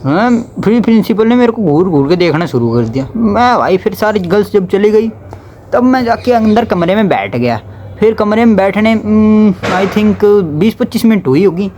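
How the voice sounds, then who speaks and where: A man's voice: high voice, expressive, normal speed, a little mellow, highs cut off, slight background noise. A young man telling a casual storytime about his school days, chatty and slipping into dialect. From Haryana, India. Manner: chatty, slips into dialect when quoting others.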